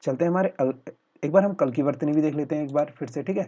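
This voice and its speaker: A male teacher with a husky, darkish voice walks viewers through spelling, breaking words into syllables and checking in after nearly every phrase. He poses a question to the class, then answers it himself in a steady classroom way. The recording is dull and slightly lo-fi. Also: a little high, fast. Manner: repeats "ठीक है" constantly, spells words out syllable by syllable; talks to viewers as friends, asks questions then answers them. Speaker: exam prep teacher. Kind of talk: spelling lesson over slides. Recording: dull lo-fi voice-over.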